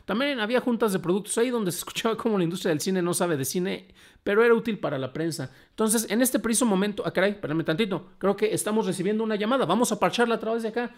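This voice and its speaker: Indoors in a small home room, a Mexican man of about thirty-something hosts a casual live show. His voice is high-pitched, and his commentary is colloquial and somewhat halting.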